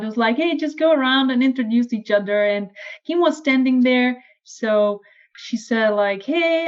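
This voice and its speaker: A woman with a Czech accent, a podcast guest telling her story in casual conversation, lively and acting out quoted lines. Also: dull audio. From Czech Republic. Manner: animated, acts out quoted lines in a higher voice.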